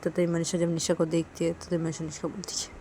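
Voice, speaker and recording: A woman's voice: on the low side, completely flat delivery, quick pace, mellow, a little hiss or hum. A woman narrating a story in a casual, repetitive way, linking each line with "then she says".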